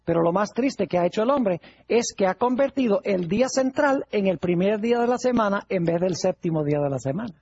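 A man's voice: high voice, lively intonation, fairly quick, a little mellow, husky, dull audio. A male pastor preaching a sermon, putting rhetorical questions to his congregation.

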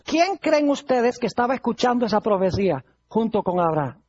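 A preacher with a husky, breathy voice tells Bible stories in a sermon and brings the quoted lines to life. The recording sounds dull and lo-fi. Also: medium pitch, a little fast. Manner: lively storyteller, acts out quoted lines.

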